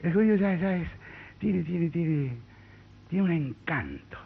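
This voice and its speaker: A man, a comedian telling a chain of jokes in a chatty, animated way on a 1970s TV broadcast. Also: on the high side, measured pace, gravelly, husky, phone-quality sound. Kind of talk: stand-up joke telling. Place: TV studio.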